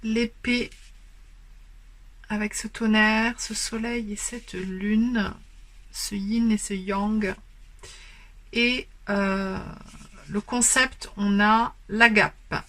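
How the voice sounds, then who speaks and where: A woman giving a spoken tarot card reading. She explains gently and pauses often, filling the gaps with hesitant fillers. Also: medium pitch, fairly even intonation. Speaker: tarot and oracle card reader. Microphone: camera on a stand.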